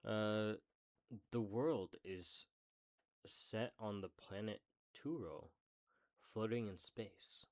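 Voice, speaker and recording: Low-voiced man reading aloud slowly. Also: darkish tone. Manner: casual, swears in side remarks. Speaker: streamer reading a book aloud.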